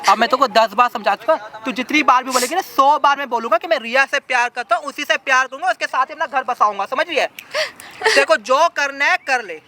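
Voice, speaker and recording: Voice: high-pitched, quick pace, pushed and bright. An actor playing a brash young husband who coldly brushes off his wife and keeps asking "right?". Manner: bossy, repeats "ठीक है?" constantly. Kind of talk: family drama skit acting.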